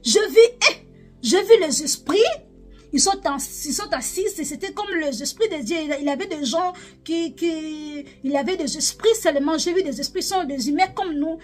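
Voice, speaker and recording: A woman's voice: high voice, normal speed, faint music behind. A woman from DR Congo, a prophetess, recounting a spiritual vision in an emotional, repetitive testimony that rises into chanted phrases.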